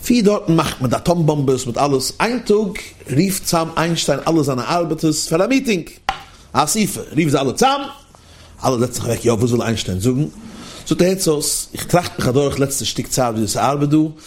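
Lively man preaching with lilt. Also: a little high, normal speed. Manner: lively, questioning, sing-song delivery. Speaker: religious teacher. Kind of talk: sermon to listeners.

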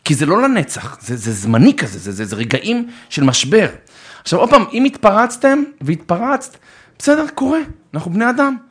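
A man giving theatrical, animated advice on marriage, acting out arguments and calling listeners brother. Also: high-pitched, husky. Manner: theatrical, acts out both sides of arguments, bursts into shouts; addresses listeners warmly as brother. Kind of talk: animated religious talk on relationships.

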